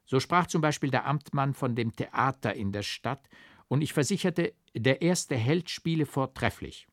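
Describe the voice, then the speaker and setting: A man reading a classic literary tale as an audiobook, with expressive, rhythmic storytelling. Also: mid-range voice, a little slow, dry recording, clean studio sound. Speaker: audiobook reader.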